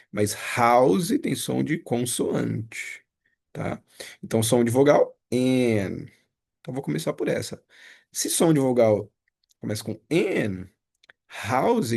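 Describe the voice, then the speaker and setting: A man's voice: medium pitch, vocal fry, a little mellow, husky. A man teaching a casual review lesson. He talks patiently, explains step by step and repeats each example. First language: Portuguese.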